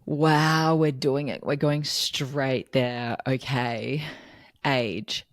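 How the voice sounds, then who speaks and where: Woman, mid thirties, podcast co-host, extremely low voice, dry teasing tone, no room sound. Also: steady tone, extremely slow, dry recording. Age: 30s. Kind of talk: casual chat.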